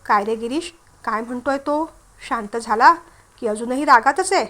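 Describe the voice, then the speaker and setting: A woman's voice: on the high side, moderate pace, sharp tone. A woman reading the part of a caring middle-aged aunt who soothes and coaxes, in a storybook reading. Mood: gentle.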